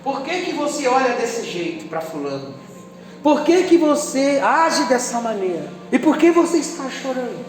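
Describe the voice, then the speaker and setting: A man preaching as pastor, emotional, swinging from loud declarations to hushed, intimate passages. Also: extremely high pitch, big pitch swings, normal speed. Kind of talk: sermon. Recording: echoey church hall with music behind.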